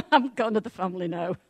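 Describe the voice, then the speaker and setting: A woman from Wales with a Welsh accent, preaching a sermon in a chatty, self-mocking and lively way. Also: medium pitch, vocal fry, no echo.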